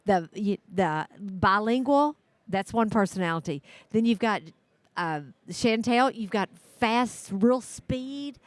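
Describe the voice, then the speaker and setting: A woman's voice: mid-range voice, lively intonation, slow, no echo. Woman chatting as contest co-commentator, dry sound. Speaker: co-commentator, former contest winner. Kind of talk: casual chat commentary.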